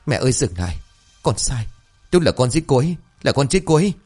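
A man's voice: medium pitch, expressive, a little fast, husky, soft background music, pitched above the performer's own voice. A man voicing an enraged, violent young husband with a raised, harsh delivery, in an audio story. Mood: panicked. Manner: shouting accusations, raised and harsh.

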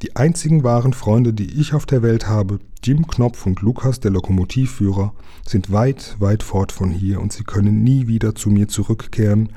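A man's voice: fairly low pitch, normal speed, warm tone, close to an everyday voice. A man voicing a timid, frightened old male giant who speaks in a trembling, thin voice. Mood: pleading.

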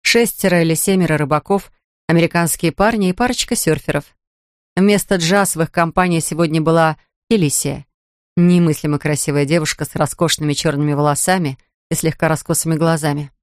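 A woman narrates a novel in an even, measured storytelling voice. The recording is dry and close, with no room echo. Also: low voice. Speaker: audiobook narrator. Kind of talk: scripted narration.

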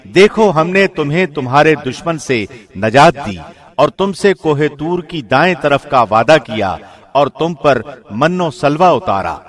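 Reading a scripture translation, a man sounds solemn, measured and formal, like a professional radio presenter, with a somewhat high, sing-song delivery.

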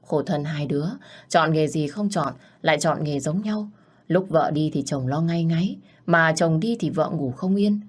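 A woman's voice: low-pitched, moderate pace, breathy edge. A woman doing a fussing, worried older mother-in-law.

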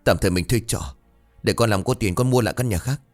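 A man's voice: lowish voice, fast, soft background music, pitched above the performer's own voice, close to an everyday voice. A man voicing a lazy gambling son near forty who wheedles and pushes his mother. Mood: wheedling.

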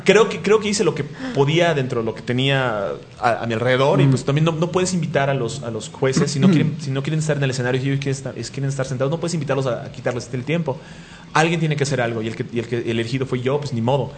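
A man, co-hosting a chat show and telling animated anecdotes with restarts and asides. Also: medium pitch, quick pace, a little hiss or hum. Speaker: podcast co-host and event moderator. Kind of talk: casual storytelling chat.

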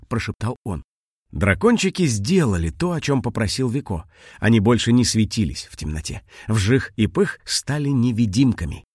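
Read this children's story as a male storyteller: keep your pitch moving a lot and let your voice stay husky. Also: no echo, studio quality. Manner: expressive, lively storytelling.

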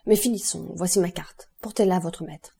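A woman's voice: lowish voice, normal speed, gravelly, mellow, breathy edge. A woman reading as a proud distressed baroness. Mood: dignified pleading. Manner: dignified, pleading. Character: proud distressed baroness, middle-aged mother.

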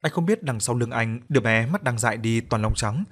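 A man reading a ghost story aloud in steady, measured scripted narration. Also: mid-range voice, slightly rough.

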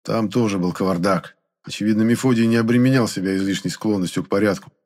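Low-voiced man narrating an audiobook. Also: steady tone, quick pace, darkish tone. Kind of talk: first-person audiobook narration.

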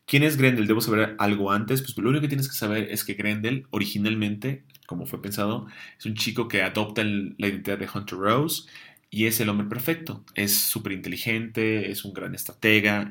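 A man's voice: on the low side, gravelly, fairly bright tone. A young man hosting a casual comics show, chatty with many fillers and restarts, answering viewer questions.

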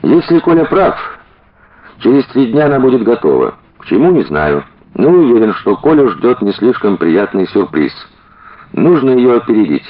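A man reading a measured, ornate older gentleman. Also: medium pitch, very animated, narrow, tinny audio, voice pushed up, natural voice. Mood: persuasive.

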